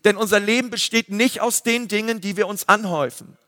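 A man, a pastor giving a lively sermon full of fillers. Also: high-pitched, brisk, no room sound, studio quality, in a large hall. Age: 30s. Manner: lively preaching with filler words.

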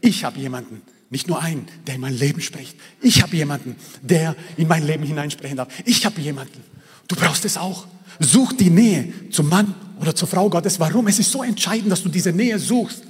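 Husky high-voiced preacher in a reverberant hall. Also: male voice, normal speed. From Croatia and Bosnia. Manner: emphatic, repetitive preaching cadence, rising in intensity. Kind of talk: sermon. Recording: long reverb of a large hall.

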